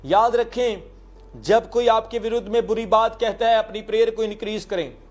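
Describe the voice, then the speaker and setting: A man's voice: high voice, steady tone, moderate pace. A male pastor preaching a sermon, telling stories and calling out hallelujahs, with English words mixed into his talk.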